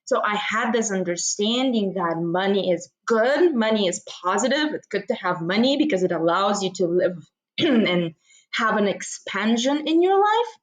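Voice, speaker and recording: Podcast guest: young Bulgarian-born woman, mid-pitched, energetic storyteller. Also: moderate pace, rough recording. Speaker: podcast guest, business mentor. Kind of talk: podcast interview.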